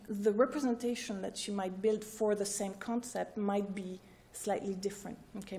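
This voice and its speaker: Mellow-voiced woman giving an academic talk. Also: mid-range voice. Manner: explains step by step, often checks in with "right?" and "okay?". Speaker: researcher presenting at a workshop. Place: lecture room with an audience.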